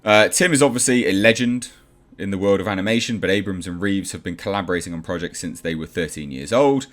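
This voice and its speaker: A low-pitched, fast-talking man hosts casual movie news commentary over background music. He's opinionated and blunt, tossing in sardonic asides.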